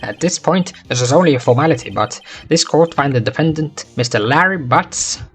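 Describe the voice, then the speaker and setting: A man's voice: a little high, animated, moderate pace, soft background music, lightly acted. A man voicing an elderly male judge in a courtroom game, making formal, commanding pronouncements.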